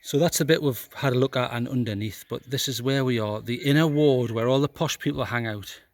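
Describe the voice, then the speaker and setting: Middle-aged guy filming himself outside at old ruins, chatty and jokey, mid pitch voice. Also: fairly quick, dry recording. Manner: chatty, jokey, talks to camera. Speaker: vlogger. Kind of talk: casual walking tour commentary. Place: outdoors at a castle ruin. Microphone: camera held by the speaker.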